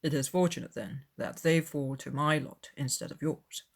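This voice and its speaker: A woman voicing a proud, aloof young gentleman in a period audiobook, formal and unconcerned in manner. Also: low-pitched, fairly even intonation, moderate pace, creaky, pitched below the performer's own voice. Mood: cool, curt.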